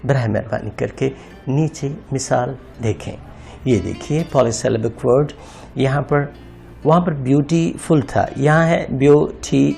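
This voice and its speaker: Faint music plays behind an unhurried man whose mid-range voice has a darkish tone and vocal fry. He's teaching English grammar over slides, calling his viewers friends while patiently repeating words syllable by syllable.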